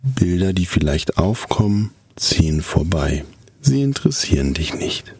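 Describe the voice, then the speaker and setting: A man narrating a scripted guided relaxation exercise in a soft, calm, soothing voice with measured, drawn-out instructions. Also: low voice, breathy edge, dry recording, studio quality.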